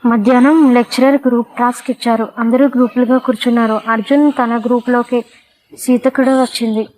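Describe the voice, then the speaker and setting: A woman narrating an emotional story in a measured storytelling manner. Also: a little high, fairly even intonation, darkish tone, rough recording.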